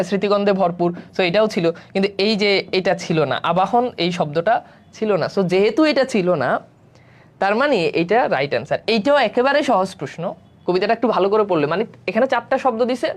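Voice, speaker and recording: A man's voice: high voice, normal speed. Man teaching a live online exam-prep class. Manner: explains step by step, often checks in with students; mixes English words into speech.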